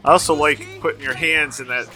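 A man's voice: a little high, fairly even intonation, fairly quick, pushed and bright. A man giving casual commentary as he reacts to a show.

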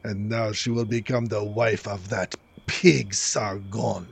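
A man voicing a ruined, bitter aristocrat count who speaks in a slow, brooding, melodramatic way. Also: lowish voice, steady tone, creaky, noisy background, pitched below the performer's own voice. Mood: despairing.

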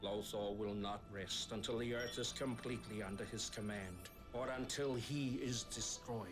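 A man's voice: on the low side, steady tone, natural voice. Man playing a solemn, wise hero mentor over music. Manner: grave, measured proclaiming. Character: wise, solemn male mentor of young heroes. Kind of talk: live-action kids' superhero TV drama. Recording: music behind the voice.

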